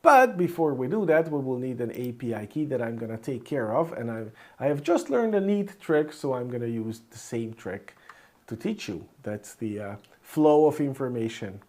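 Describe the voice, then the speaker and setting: With a somewhat mellow mid-range voice and lively intonation, a man who speaks Hungarian as his first language narrates an informal coding screencast at a moderate pace. He thinks aloud as he types, and his keyboard and mouse clicks can be heard clearly.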